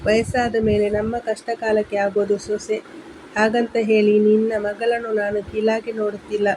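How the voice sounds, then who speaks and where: A woman voicing a grown son who calmly reasons with his mother and defends his wife. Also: medium pitch, moderate pace, a little hiss or hum, lightly acted, low-quality recording. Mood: reasoning. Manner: steady, reasoning. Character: calm son mediating, taking his wife's side.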